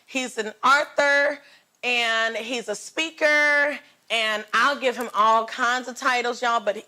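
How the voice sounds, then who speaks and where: A woman's voice: a little high, steady tone, takes it slowly, bright, forceful tone. A woman hosting a talk show, effusive and affectionate, laughing often with her guest. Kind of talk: bubbly talk show banter.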